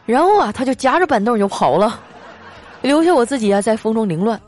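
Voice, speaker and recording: A young woman doing a comic storytelling monologue, joking and drawing out her particles. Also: fairly high pitch. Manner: lively, joking, sprinkled with drawn-out particles. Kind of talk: comic monologue with sponsored segment.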